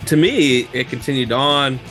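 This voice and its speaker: A man's voice: mid-range voice, moderate pace, fairly bright tone, soft background music. A man guesting on a podcast, talking about a band in an enthusiastic, rambling way. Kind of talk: casual chat about music.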